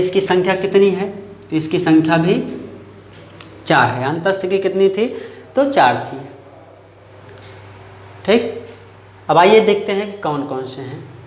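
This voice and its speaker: Slow, roomy-sounding man teaching a class. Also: sits high, lively intonation, slight background noise. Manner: drills sounds aloud, asks questions and answers them himself. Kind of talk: Hindi grammar lesson.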